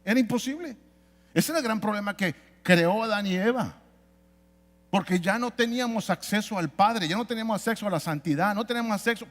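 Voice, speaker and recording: A man delivers a church sermon in a notably high voice. He moves from quiet, close explanation to loud, pressing emphasis. The sound carries a long church-hall reverb. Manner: preaches with shifting loudness, voicing biblical figures. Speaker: pastor.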